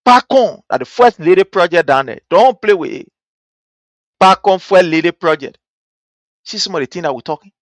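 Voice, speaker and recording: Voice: medium pitch, expressive, moderate pace, pauses often, no room sound. A political commentary host from Liberia with a Liberian accent, speaking indignantly and mockingly to an audience with rhetorical questions and emphatic repetition.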